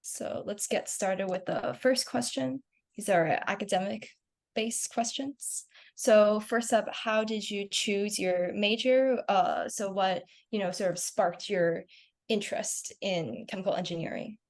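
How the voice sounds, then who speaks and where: A woman with a mid-range voice hosts an online webinar over a video call. She reads introductions and questions in a steady way and answers with short affirmations. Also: medium pitch, a little slow. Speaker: webinar host. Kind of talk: webinar hosting.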